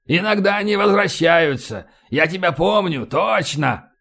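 A man's voice: sits high, animated, measured pace, vocal fry, fairly bright tone, voice pushed up, heavily acted. A man voicing a cocky, wisecracking young male rapper. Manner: cocky, smirking.

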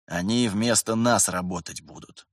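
A gruff, world-weary veteran officer with a low, grumbling voice, as a male narrator puts him on. He speaks in curt, clipped orders and slides into long lectures. The sound is close and dry. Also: normal speed, no room sound, close to an everyday voice.

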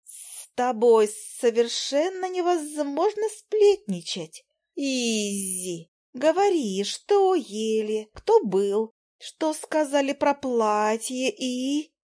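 A woman reading an audiobook, voicing a chatty, gossiping little female fly who talks in a fussy, drawn-out, dramatic way. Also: sits high, animated, darkish tone. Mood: nosy.

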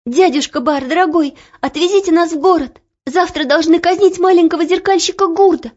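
A woman voicing an eager young girl who pleads in a rushed, urgent voice. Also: very high voice, darkish tone, voice pushed up. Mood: pleading. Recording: dull lo-fi audiobook recording.

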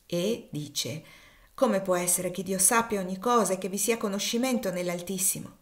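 A woman reading as a calm, devout older man. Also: mid-range voice, close to an everyday voice. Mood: solemn. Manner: measured, solemn reading of scripture. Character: calm, devout older male host, steady and kindly.

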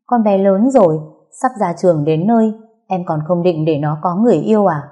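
A woman's voice: lowish voice, a little fast, warm tone, close to an everyday voice. A woman voicing a chiding, teasing partner. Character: teasing, sensible man, narrator's partner.

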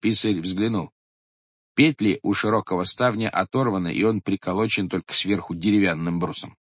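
A man's voice: deep voice, moderate pace, slightly rough, no echo, dull audio. A man narrating a classic story as an audiobook, reading dramatically and acting out the characters.

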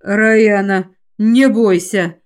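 A woman voicing a wounded, stubborn young man in an audiobook, speaking in quiet, firm, clipped replies. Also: medium pitch, fairly even intonation, extremely slow, smooth, voice pushed down. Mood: weak, tender. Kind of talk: audiobook character voice.

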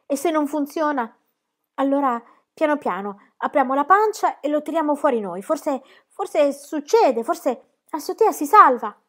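A woman's voice: fairly high pitch, animated, a little fast, a little mellow, close to an everyday voice. Woman voicing a frantic young shepherd lad. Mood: pleading. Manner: frantic, pleading, repeating himself. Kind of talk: audiobook reading.

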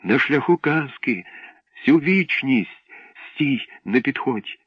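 A man's voice: medium pitch, expressive, slow pace, slightly rough, dry recording, voice pushed up. A man voicing a tender, urgent little magical girl, in a storybook reading. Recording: dull lo-fi, dry.

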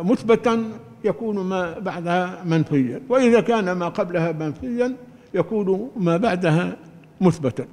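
An older man teaching Quran commentary in a deliberate, emphatic lecture style, often restarting his words. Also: high voice, darkish tone. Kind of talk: religious lecture. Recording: long hall reverb.

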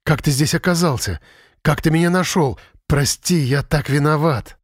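A man's voice: a little high, moderate pace, husky, no echo. A man voicing a dazed schoolboy hero, close to his own voice. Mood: remorseful.

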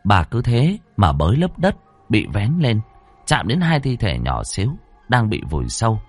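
A man narrating a ghost story in a dramatic, expressive reading style. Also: lowish voice, normal speed, faint music behind.

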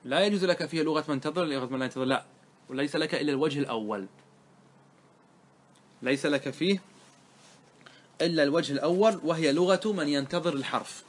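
Man teaching a grammar lesson. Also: fairly high pitch. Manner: asks the students questions and answers them himself; slows down to quote the verse. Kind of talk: explaining a grammar poem line by line.

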